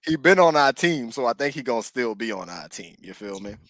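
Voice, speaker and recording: A man's voice: medium pitch, big pitch swings, brisk, fairly bright tone, no echo. A man co-hosting a casual sports podcast, talking in a laid-back way and often checking that he is understood. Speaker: podcast co-host.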